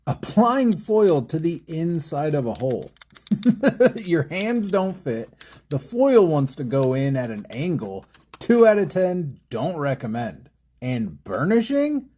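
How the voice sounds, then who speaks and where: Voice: medium pitch, dark tone, breathy edge. A stained glass artist hosting a craft tutorial in voice-over, playful and jokey, with puns and frequent chuckles.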